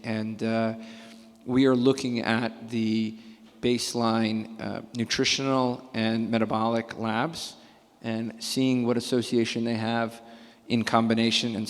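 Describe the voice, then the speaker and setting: A man on a conference panel answers in an even, nearly monotone voice, matter-of-fact as he lists numbers. A long hall reverb trails his words. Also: lowish voice, vocal fry. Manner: matter-of-fact, listing figures. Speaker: panelist physician. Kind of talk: panel discussion.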